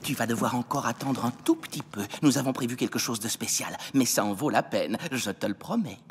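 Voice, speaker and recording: A man voicing a kindly, reassuring young adult male pony in an animated cartoon dub. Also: mid-range voice, fairly quick, noisy background, close to an everyday voice.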